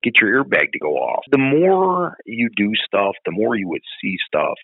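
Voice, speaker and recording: A middle-aged man, a retired police officer telling stories in an interview, profane and animated. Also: fairly low pitch, normal speed, creaky, breathy edge, no room sound, phone-quality sound. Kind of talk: storytelling in an interview.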